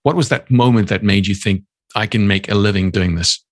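Male host, lowish voice, measured questions, dry close sound. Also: no echo. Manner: measured, asks long questions. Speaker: podcast host. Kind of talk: interview hosting.

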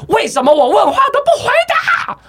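Woman as furious storybook mom, shrill, yelling. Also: normal speed, heavily acted. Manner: yelling in sharp bursts. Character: furious shouting middle-aged mother.

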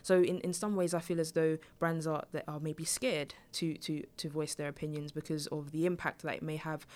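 A woman's voice: sits low, flat delivery, moderate pace, a little mellow. A woman of twenty-six, a podcast guest, talking through her views with frequent restarts and hesitations. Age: 20s. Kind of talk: panel discussion.

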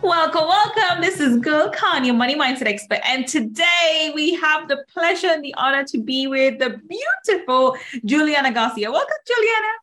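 A woman's voice: high-pitched, lively intonation, moderate pace, bright, forceful tone. A woman hosting a podcast interview, upbeat and effusive as she welcomes and questions her guest. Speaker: podcast host.

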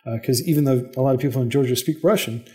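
Earnest man explaining at quick pace. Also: mid-range voice, a little mellow. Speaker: podcast guest, non-profit founder. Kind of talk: casual podcast interview.

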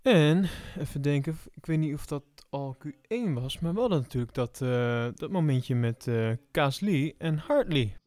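Male podcast host, raised pitch, hesitant conversational delivery, dry mic. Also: lively intonation, a little mellow, no echo. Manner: halting, many fillers. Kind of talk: casual chat about motor racing.

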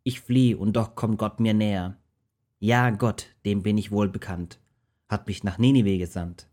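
A man's voice: on the low side, steady tone, unhurried, warm tone, natural voice. A man voicing the runaway prophet Jona, a grown man who flees in fear and then turns carefree, in a rhymed storybook reading. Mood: resigned.

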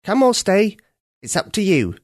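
A man's voice: high-pitched, big pitch swings, measured pace, no room sound, studio quality, voice pushed up. A man doing a boisterous old crow. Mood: coaxing. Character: bossy, cheerful old male senior crow. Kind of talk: storybook read-aloud.

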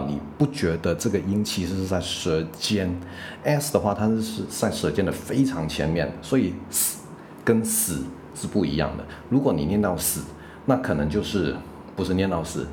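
A man with a Taiwanese Mandarin accent and a very low voice, teaching English pronunciation in a relaxed spoken lesson. He explains patiently and keeps checking in with English fillers. A faint hiss sits under the recording.

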